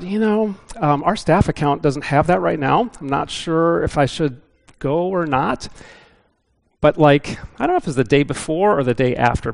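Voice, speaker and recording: A middle-aged man, a visiting missionary, giving a casual, self-deprecating church talk with frequent "uh" fillers. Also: fairly high pitch. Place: church building.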